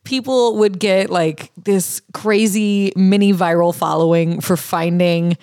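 A woman's voice: on the low side, slow, dry recording, clean studio sound. Chatty woman podcast co-host. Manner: chatty, animated storytelling. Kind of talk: casual chat.

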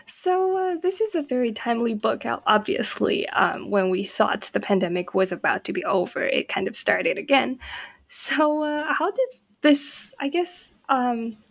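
A woman's voice: on the high side, very animated, a little slow, gravelly. A woman hosting a book interview, welcoming guests and asking questions with some hesitation and fillers. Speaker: interview host.

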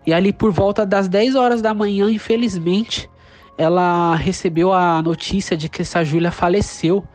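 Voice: medium pitch, steady tone, moderate pace, a little mellow, faint music behind. A podcast storyteller with a Brazilian Portuguese accent, casually retelling a paranormal account in a loose way with many fillers and tag questions.

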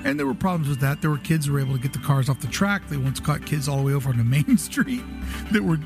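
A man's voice: fairly high pitch, sing-song, fast talker, vocal fry, music in the background. A man hosting with casual, opinionated commentary in an emphatic, wry, jokey way. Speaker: host.

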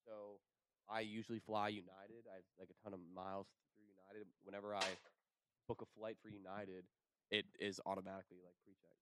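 A man's voice: lowish voice, fairly quick, heavy background noise. A young man in a casual chat with friends, telling stories in slangy, profanity-laced talk. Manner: profane, slangy, animated storytelling. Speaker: screenwriter.

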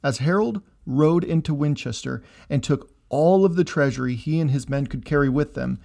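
A man's voice: a little high, normal speed, creaky, warm tone. A man hosting a history podcast, telling the story in a wry, conversational way with dry asides. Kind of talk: scripted history narration with asides.

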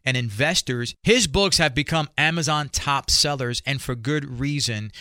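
Bright-voiced, enthusiastic male talk show host. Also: fairly high pitch, no room sound, clean studio sound. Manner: enthusiastic, motivational, addresses listeners directly. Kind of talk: upbeat talk show hosting.

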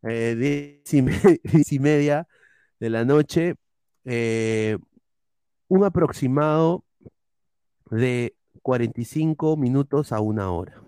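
Guy hosting a footy podcast, unhurried and joking, dry close sound. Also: medium pitch, mellow, clear, resonant tone, no room sound. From Peru. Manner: halting, joking, reading out chat messages. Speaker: podcast host. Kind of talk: casual sports podcast banter.

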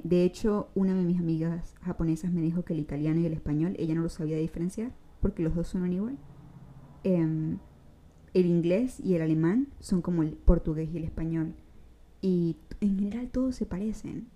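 Young Venezuelan woman, solo podcast host, very mellow dark tone, chatty and direct. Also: fairly low pitch. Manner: chatty, direct, addresses the listener with advice; uses casual slang. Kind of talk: casual solo podcast monologue.

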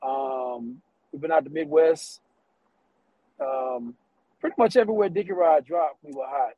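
A man's voice: fairly high pitch, measured pace, husky, phone-quality sound. A man being interviewed as a rapper, talking in a laid-back casual way.

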